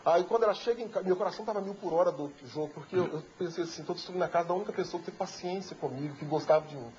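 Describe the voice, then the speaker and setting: A man's voice: high-pitched, very fast, a little mellow, a little hiss or hum. A man from Belo Horizonte, a talk show guest telling an emotional story and acting out the voices in it. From Belo Horizonte, Brazil. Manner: vivid storyteller who acts out quoted voices. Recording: dull lo-fi TV recording.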